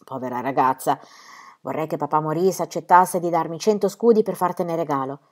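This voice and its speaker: A woman's voice: low voice, brisk. A woman voicing an older widowed ploughman who is earnest and kind, in an audiobook reading. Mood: kindly.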